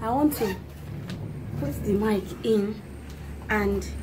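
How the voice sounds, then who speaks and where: A woman's voice: mid-range voice, slow, background noise. A woman with a Nigerian accent chatting casually as a prank vlogger to viewers and family.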